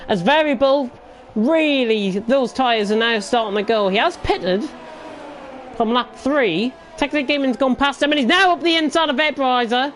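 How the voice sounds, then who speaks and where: A woman's voice: high-pitched, moderate pace. A woman giving live motorsport commentary, calling the racing action as it happens. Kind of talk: live motorsport commentary of an online league race. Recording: clear background noise.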